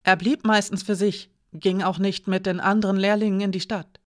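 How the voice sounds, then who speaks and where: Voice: mid-range voice, little pitch movement, normal speed, no room sound, clean studio sound, close to an everyday voice. A narrator voicing a curious, easily indignant young male apprentice in a storybook reading. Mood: chatty.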